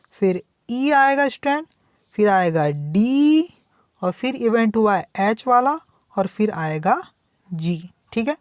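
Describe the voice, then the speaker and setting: With a very high voice, a man gives a Hindi-language lesson on English vocabulary, patiently repeating himself and answering the very questions he asks his student. He reads English examples aloud at a slow pace, and the recording is dry with clean studio sound.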